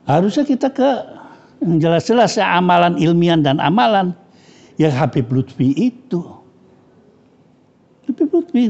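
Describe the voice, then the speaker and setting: A man's voice: a little high, mellow. A man, teaching scripture as a cleric in a casual, joking and frank way. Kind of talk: casual religious study lecture. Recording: dull lo-fi recording.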